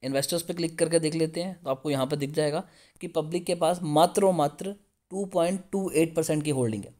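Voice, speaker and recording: A man talks through a stock, his voice a bit high yet mellow and dark in tone. He reads figures off a chart and pushes his viewers hard to buy. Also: fast. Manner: pushy, urges viewers to buy. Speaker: stock market video host. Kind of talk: casual stock analysis explainer.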